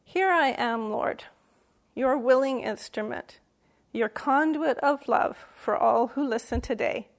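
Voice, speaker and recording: A woman's voice: high-pitched, takes it slowly, creaky. An older woman giving a church Advent message to camera, telling a wry story about herself with sudden emphatic outbursts. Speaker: lay church speaker.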